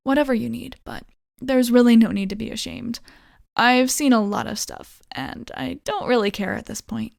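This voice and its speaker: A woman playing a flirty, reassuring tattoo artist in a soft, casual ASMR role-play, slightly bashful and gently teasing. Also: on the high side, normal speed, creaky, dry recording, studio quality. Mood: soothing, reassuring.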